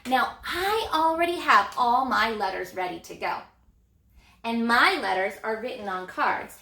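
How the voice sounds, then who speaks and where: Slow, bright-voiced woman teaching phonics. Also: fairly high pitch, animated, creaky, roomy sound. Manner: slow, exaggerated sound modeling with gestures. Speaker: elementary reading teacher. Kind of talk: phonics lesson for young children.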